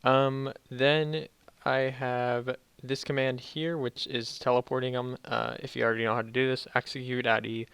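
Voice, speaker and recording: A young man giving a casual, halting game tutorial, speaking slightly muffled and carefully, as if sore after dental work. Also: medium pitch, level tone, vocal fry, a bit bright, smooth, no echo. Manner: halting, self-correcting explanations. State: sore mouth after wisdom teeth removal, slightly muffled careful speech. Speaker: tutorial video host.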